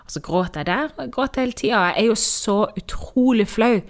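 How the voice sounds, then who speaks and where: A woman from Norway co-hosting a podcast, telling personal stories in a candid, animated way. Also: on the high side. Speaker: podcast co-host. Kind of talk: casual podcast conversation.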